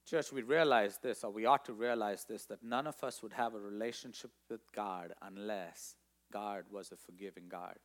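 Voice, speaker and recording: A middle-aged male pastor preaching a sermon, reading scripture aloud and stopping to comment, moving between loud emphatic lines and quiet low ones. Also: normal speed.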